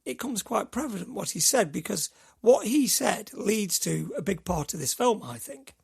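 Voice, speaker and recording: A man's voice: high voice, very animated, moderate pace, vocal fry, husky. A middle-aged man co-hosting a podcast, telling rambling stories in casual chat. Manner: chatty, rambling storyteller. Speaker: podcast co-host.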